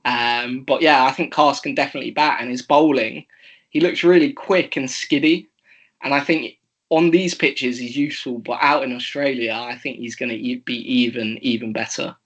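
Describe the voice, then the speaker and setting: A young man co-hosting a casual sports chat, chatty and quick to laugh, with fillers and restarts. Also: medium pitch, fairly even intonation, fairly bright tone. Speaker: co-host.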